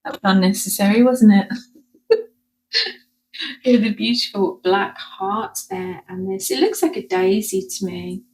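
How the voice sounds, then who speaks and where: A woman's voice: medium pitch, expressive, unhurried, pauses often, darkish tone, rough recording. A woman with an Essex accent who drops her T's into glottal stops, giving a casual, rambling intuitive card reading to viewers and often checking in as she goes. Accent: Essex English. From Essex, England. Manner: chatty, rambling, frequent checking "okay?". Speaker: spiritual card reader.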